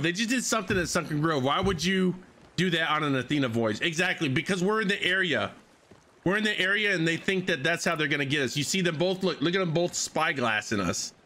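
A man in his thirties, live-streaming a game on a headset microphone, has a fairly high, bright voice with a forceful tone. He keeps things casual, swearing and repeating his phrases, and he coughs often while saying he is losing his voice.

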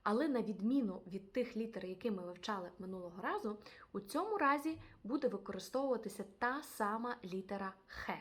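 A woman with a Ukrainian accent gives a video language lesson. Her voice sits at a middle pitch. She works patiently, saying each example word twice so it sinks in. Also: expressive, brisk. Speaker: language teacher.

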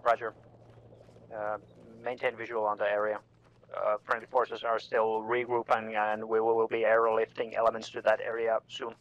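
A man's voice: lowish voice, completely flat delivery, moderate pace, fairly bright tone. A man giving clipped orders over a radio transmission, using military radio procedure as a commander in a military simulation game. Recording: dull radio-band voice.

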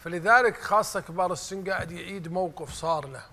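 A man's voice: high voice, fast, a crowd in the background. A middle-aged man with a Saudi Gulf Arabic accent, giving conversational religious advice in a didactic way with illustrative examples. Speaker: guest sheikh. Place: large indoor lounge, seated on sofa. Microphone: lapel.

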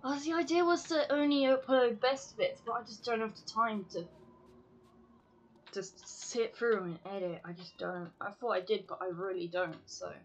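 A woman's voice: fairly high pitch, normal speed, a little hiss or hum. A woman chatting casually on a game live-stream, scattered, talking to herself and swearing casually.

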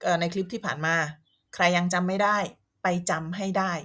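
A woman's voice: lowish voice, fairly even intonation, a little fast, fairly bright tone. A woman from Thailand teaching a language lesson, explaining vocabulary patiently and repeating words to model how they sound.

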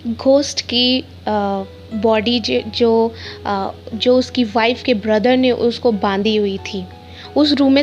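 Woman, casual story retelling, quotes characters in her own voice, fairly high voice, muffled lo-fi recording. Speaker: storyteller summarizing a novel. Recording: dull lo-fi sound with faint music.

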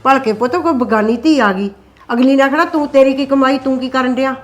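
A woman playing a widowed older mother who counsels her two sons, speaking softly and pleadingly. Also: high voice, a little fast, natural voice. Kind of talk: scripted web drama acting.

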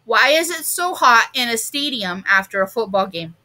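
A clever young girl in a storybook cheerfully shares what she knows and tells riddles, as a woman reads her lines. She sounds pleased with herself. The voice is high and bright. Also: lively intonation, normal speed.

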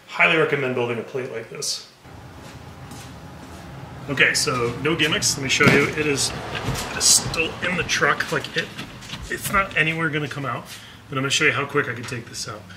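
A man's voice: a little high, brisk, very noisy. A man in his thirties giving casual how-to narration of a workshop build, practical, with filler words and self-corrections. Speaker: DIY builder. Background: background music.

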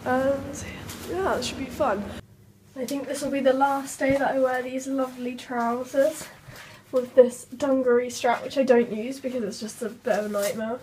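A young adult woman vlogs to the camera in casual, upbeat, talkative chat, often while hiking. Her high voice has a steady tone, a normal pace and a darkish color. She films on a phone held at arm's length, outdoors on a windy hillside and indoors, so the recording is noisy.

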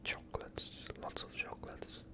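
Playing a doctor in a whispered ASMR roleplay, this young man keeps his breathy, unvoiced whisper right up against the microphone. His questions come slowly, in a calm, soothing manner.

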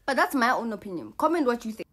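A woman's voice: on the high side, sing-song, fast, fairly bright tone. A young South African woman with a South African accent giving a casual, teasing comic monologue. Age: young adult. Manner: chatty, teasing, mixing in local phrases.

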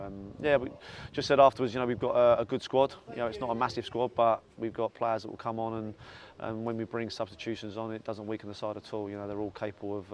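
A man, a football manager giving a post-match interview, talking quickly with lots of repeats and fillers. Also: on the low side, a little mellow. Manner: fast, repetitive, filler-heavy talk. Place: outdoor stadium stands at night. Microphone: lapel mic. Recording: noisy outdoor windy stadium.

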